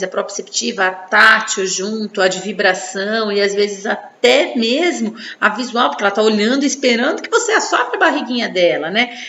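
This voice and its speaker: A woman's voice: mid-range voice, bright, forceful tone. A woman with a Brazilian Portuguese accent gives an informal talk on infant development. She keeps checking in with her listeners through tag questions. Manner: explanatory, with frequent tag questions. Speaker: psychology presenter. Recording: echoey room, dull sound, faint noise.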